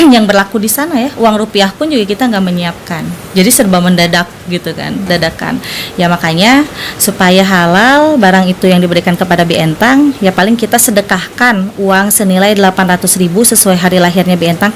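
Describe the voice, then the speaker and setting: A woman guest in an interview, calmly explaining a spiritual practice in a matter-of-fact way. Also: medium pitch, moderate pace, a little hiss or hum.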